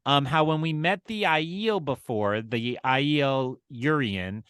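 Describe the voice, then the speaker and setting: A man of middle pitch co-hosting a book podcast in an earnest, rambling way, stopping to correct himself mid-sentence. His voice is recorded close and dry, with no room sound. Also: slow, a bit bright, clear, resonant tone, no echo. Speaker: podcast co-host. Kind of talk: casual podcast chat.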